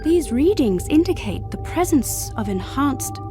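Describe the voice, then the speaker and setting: High-voiced, precise sci-fi crewmate. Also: female voice, sing-song, a little slow. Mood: analytical. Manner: precise, formal. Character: brisk, analytical female science-fiction crewmate. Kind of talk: scripted video game dialogue. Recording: game music under dialogue.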